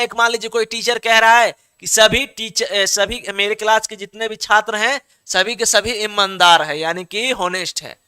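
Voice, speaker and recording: A man with a very high, bright, clear voice teaching an online exam-prep class. He reads students' answers aloud, coaxes them to reply, and keeps checking they follow. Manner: coaxing, repetitive, checks understanding often.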